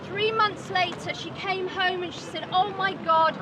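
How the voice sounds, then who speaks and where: Very high-voiced woman speaking at outdoor rally. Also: fairly even intonation, a little slow. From Norwich, England. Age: middle-aged. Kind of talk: public speech, personal testimony. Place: outdoors at a public gathering in the rain. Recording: distant, noisy outdoor crowd recording.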